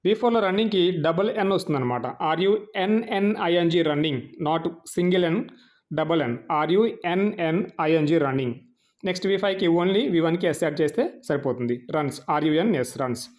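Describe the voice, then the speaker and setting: A man with a Telugu accent leads a classroom-style vocabulary lesson in a slightly high voice. He spells every word letter by letter and runs through each verb form in slow, patient lists. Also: lively intonation, a little mellow. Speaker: English teacher. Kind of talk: vocabulary lesson, Telugu explanations of English words.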